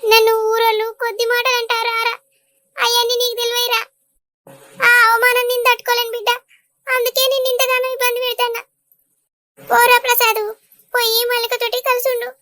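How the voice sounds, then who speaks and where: Woman playing a melodramatic cartoon village mother, very high, bright, dry close sound. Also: monotone, fairly quick, long pauses, dry recording. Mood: coaxing. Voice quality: high-pitched, dramatic pleading. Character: emotional village mother, older woman, doting on her son. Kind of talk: Telugu cartoon dubbing.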